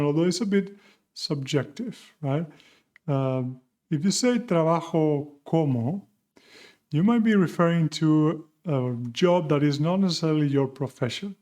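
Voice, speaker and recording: Guy w/ a going over vocab slowly, kinda high voice, keeps asking "hmm?". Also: expressive, mellow. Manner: patient, asks questions and answers them, mixes English and Spanish. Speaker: Spanish teacher. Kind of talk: language lesson explanation.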